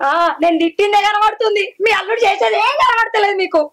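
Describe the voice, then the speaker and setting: A woman's voice: very high-pitched, fast, crowd noise. A woman playing an accusing young wife. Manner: accusing, demanding answers. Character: young wife confronting her secretive husband. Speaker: wife and daughter. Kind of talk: village short film acting.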